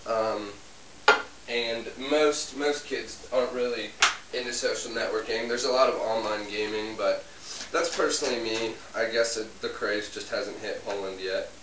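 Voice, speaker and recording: Relaxed and hesitant, full of ums, a man portraying a young Polish interviewee cooks on camera in a home kitchen for an amateur comedy sketch. He speaks a little slowly in a lowish, everyday-sounding voice with fairly even intonation. The camera mic sits far off, so the home video sounds roomy, distant, and hissy.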